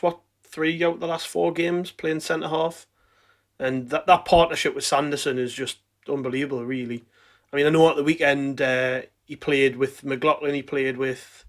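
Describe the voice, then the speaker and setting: A man's voice: a little high, fairly bright tone. A man hosting a football fan podcast in a casual, conversational way. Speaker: podcast host.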